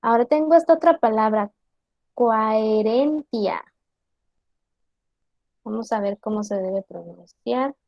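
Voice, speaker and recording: A woman teacher giving an online class, explaining slowly and deliberately and asking her students questions. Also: on the high side, lively intonation, creaky, no echo, highs cut off.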